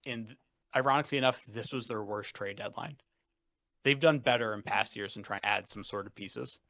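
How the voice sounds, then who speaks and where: A man's voice: fairly low pitch, moderate pace, gravelly, sharp tone, no echo. A young man co-hosting a casual sports podcast, ranting and swearing with fired-up energy. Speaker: podcast co-host.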